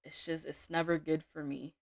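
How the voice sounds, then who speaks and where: A woman day trader giving casual live-stream commentary from her home desk, thinking aloud in a relaxed way with small restarts. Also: sits low, normal speed, creaky, no room sound, clean studio sound.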